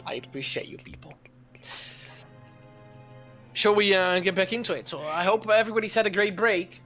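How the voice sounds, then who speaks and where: A man's voice: sits high, animated, moderate pace, sharp tone, soft background music. A man with a Southern US accent, narrating as game master in a joking, laid-back way with frequent fillers. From Southern United States. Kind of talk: narrating a tabletop game on a live stream.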